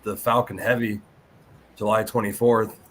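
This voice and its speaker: A man co-hosting a casual podcast, passing along details in loose, halting phrasing. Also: on the low side, little pitch movement, slight background noise. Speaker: podcast co-host. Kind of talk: casual chat.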